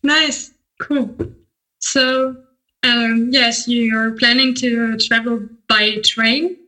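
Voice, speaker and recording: A woman from Germany co-hosting a podcast, asking interview questions in a halting way with fillers. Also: fairly high pitch, fairly even intonation, sharp tone, poor audio. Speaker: podcast co-host.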